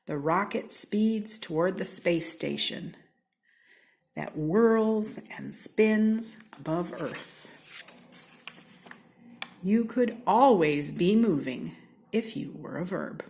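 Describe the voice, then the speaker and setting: An American woman from Seattle reads children's picture books aloud as a storybook reader, with a slightly low, unhurried, and very animated voice. Her delivery is theatrical and deliberate, full of playful emphasis and whispered asides.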